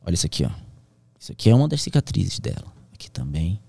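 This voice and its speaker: Gravelly guy telling his survival story, swings all over in pitch, slangy and intense, dry close sound. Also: very animated, fast talker, mellow, dry recording. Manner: slangy, intense, drops into whispers. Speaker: airplane pilot and author, podcast guest. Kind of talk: emotional storytelling in casual conversation.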